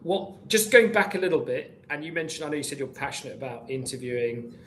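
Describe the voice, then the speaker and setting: A man's voice: fairly high pitch, lively intonation, a little fast, a bit bright, slight background noise. A man hosting a podcast interview, friendly and a little hesitant, often repeating words as he asks his questions. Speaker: podcast host.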